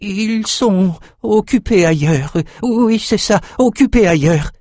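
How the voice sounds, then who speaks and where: Brief: a cowering old servant, shrill and pleading, strained unnatural voice. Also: male voice, lively intonation, slow pace, a little mellow, no room sound, studio quality. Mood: terrified pleading. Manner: stammering, begging. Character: old lame male cook, a terrified, pleading slave.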